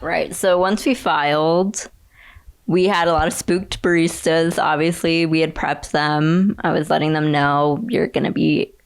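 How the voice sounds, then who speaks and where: A young woman with a low, full voice speaks as a guest in a relaxed interview. She tells her story in an animated way, acting out remarks and laughing often. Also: measured pace, vocal fry, clear, resonant tone. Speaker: Starbucks barista and union organizer, guest.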